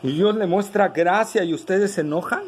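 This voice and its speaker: A man's voice: high voice, normal speed, slight background noise, rough recording. A man preaching a sermon as pastor. He asks the congregation rhetorical questions, tagging many lines with "¿verdad?".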